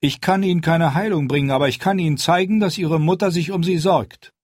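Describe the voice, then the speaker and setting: A man's voice: fairly quick, a little mellow, dry recording, clean studio sound, natural voice. A man doing a proud young queen, stern. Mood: resolute. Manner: raised pitch, firm commanding delivery. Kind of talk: audiobook character voice.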